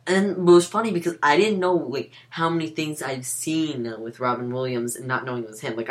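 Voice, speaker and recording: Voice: medium pitch, a bit bright. Rambling casual podcast co-host. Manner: rambling, restarts often. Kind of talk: casual chat.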